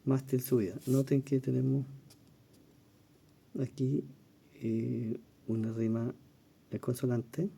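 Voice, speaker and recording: Speaking slowly with long pauses, a Chilean-accented teacher walks through exam questions step by step in a recorded lesson. His mid-range voice is level, warm, husky, and creaky, and he thinks aloud with fillers while checking in with his listeners.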